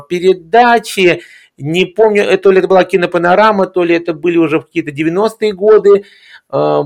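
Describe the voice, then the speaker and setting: A man's voice: high-pitched, darkish tone. A man discussing film in a reflective conversational way, hesitant, with erudite and formal wording.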